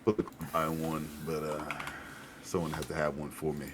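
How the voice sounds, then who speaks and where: A man's voice: very deep voice, monotone, moderate pace. A man chatting casually as a podcast guest, laid-back and easygoing. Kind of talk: casual chat. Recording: noisy recording.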